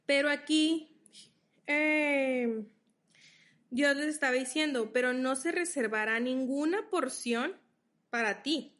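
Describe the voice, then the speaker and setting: A woman's voice: high voice, takes it slowly, a bit bright. A woman leading a Bible study. She reads verses aloud, explains them patiently and checks in with her listeners.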